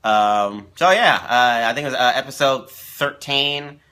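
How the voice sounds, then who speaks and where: A man's voice: medium pitch, measured pace, pushed and bright, clear, resonant tone. A young man hosting a casual live stream for his gaming channel, rambling with lots of fillers and repeating himself. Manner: eating while talking.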